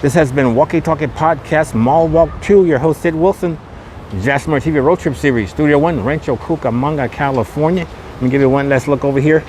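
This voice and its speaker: His voice on the high side and darkish in tone, a podcast host and vlogger talks a little fast while leading a casual walking tour outside a shopping mall on a windy street. He repeats points in guide-style patter, picked up by a wind-guarded camera mic amid windy outdoor noise.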